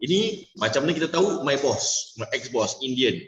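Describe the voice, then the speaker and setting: A man's voice: mid-range voice, sing-song, normal speed, slight background noise. A man with a Malaysian accent teaching a workshop class as a business sales coach, switching between Malay and English and checking in with "alright?" after nearly every point. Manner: playful, acts out little dialogues. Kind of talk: workshop lecture to a live class. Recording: echoey room, dull lo-fi sound.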